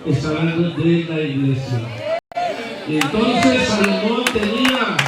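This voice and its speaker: A male pastor delivers a sermon, moving between wry storytelling asides and fervent, rising declarations. His voice sits a little high for a man. The recording is heavily echoey and picked up from a distance, like a church sanctuary heard from across the room. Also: steady tone, unhurried, a loud crowd, very noisy. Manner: storytelling preacher with humorous asides and fervent build-ups.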